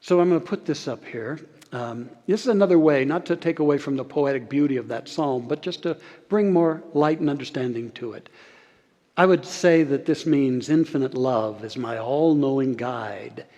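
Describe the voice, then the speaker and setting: A man preaching a sermon in a church, with dramatic pauses, shifting between loud and hushed delivery. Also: medium pitch, dull audio. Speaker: pastor. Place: large church sanctuary. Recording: long hall reverb.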